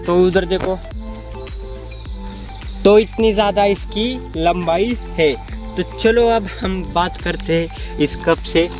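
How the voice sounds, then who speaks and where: High-voiced man shouting outdoor instructions. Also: slow, pauses often, over music. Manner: calls out loud instructions to a helper far off. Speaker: vlogger testing a homemade cup phone. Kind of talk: casual outdoor demo vlog. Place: outdoors in a rural open field. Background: faint background noise.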